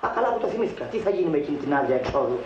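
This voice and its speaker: Brief: a cheeky, broke dreamer, high voice, quick jokes, old dull film audio. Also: male voice, very animated, slight background noise. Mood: wheedling. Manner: joking, glib, mock-Italian banter. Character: wisecracking carefree young man, broke, dreaming of riches. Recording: dull, roomy 1960s film sound.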